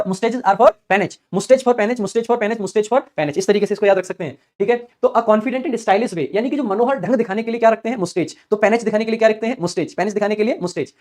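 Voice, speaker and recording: A man's voice: high-pitched, a little mellow. A man teaching English vocabulary for exams in a chatty way, repeating key words in a chanting rhythm. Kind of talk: exam-prep vocabulary lesson with memory tricks.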